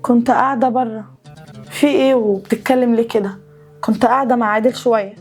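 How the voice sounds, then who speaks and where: A woman's voice: a little high, fairly even intonation, fast talker, a little mellow, breathy edge, faint music behind. An actress with an Egyptian accent playing a proud young woman, formerly rich, talking bitterly and sarcastically. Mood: defiant. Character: proud young sister-in-law, fallen from wealth.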